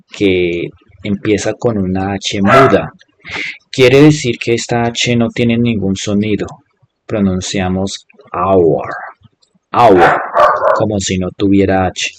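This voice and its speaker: Man, teacher, slow deliberate delivery, lowish voice, patient repeated examples. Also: background noise. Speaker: English teacher. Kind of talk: online class instruction.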